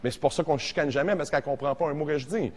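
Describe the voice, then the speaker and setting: A man's voice: fairly high pitch, rapid-fire. Joking Québécois man teaching in a hall. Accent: Québécois French. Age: 40s. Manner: joking, animated, mixes in English words. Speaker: songwriting teacher. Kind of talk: casual classroom workshop.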